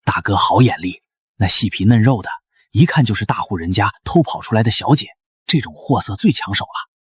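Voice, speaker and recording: A rough, husky voice of a greedy trafficker on a river boat in a costume drama. He talks fast and crudely, with his pitch swinging up and down. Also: lively intonation, no room sound, studio quality. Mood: leering. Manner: leering, crude, quick.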